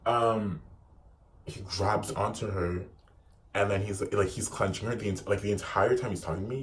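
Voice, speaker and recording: A young man telling a personal story in a vlog, animated and profane, packing his sentences with "like.". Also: deep voice. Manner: animated and profane, heavy use of "like". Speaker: vlogger.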